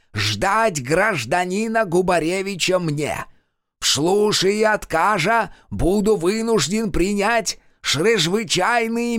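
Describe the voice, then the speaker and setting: A man voicing a toothless, unhinged former village chairman who serves a witch, with a strained, drawn-out jeering manner. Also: high voice, vocal fry, dry recording, clean studio sound, voice pushed up, exaggerated voice. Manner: drawn-out jeering, pompous when proclaiming.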